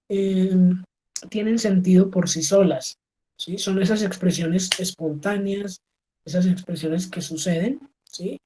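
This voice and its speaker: A woman teacher explains grammar in an online class, speaking at an unhurried, deliberate pace. Her voice sits a little low and sounds warm and soft rather than bright. She moves between Spanish and English and keeps checking that her students are following. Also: low-quality recording. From Colombia. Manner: patient, checks in often with "¿sí?" and "¿ok?". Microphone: video call.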